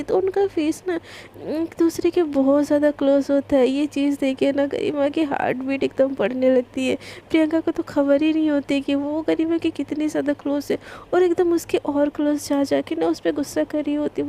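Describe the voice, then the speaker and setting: Speaking in a high voice with a dark tone, a woman tells a love story in a relaxed, chatty style, mixing things into her talk and using plenty of fillers. There is slight background noise.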